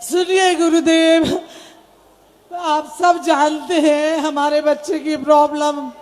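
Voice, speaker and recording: Emotional woman devotee, slow, echoey. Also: sits high, flat delivery, a little mellow, a little hiss or hum. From India. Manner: emotional, pleading and grateful. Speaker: devotee from the audience. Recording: echoey stage mic with long reverb.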